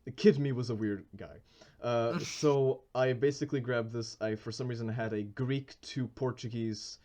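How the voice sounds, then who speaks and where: A man's voice: mid-range voice, steady tone, normal speed, warm tone. A man co-hosting a podcast, telling a long story in casual chat, full of fillers, restarts and bursts of laughter. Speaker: podcast co-host.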